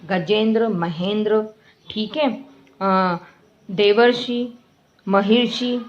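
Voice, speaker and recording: A woman teacher giving a grammar lesson to children, slow and patient, repeating words and checking that they understand. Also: medium pitch. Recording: dull lo-fi audio with faint noise.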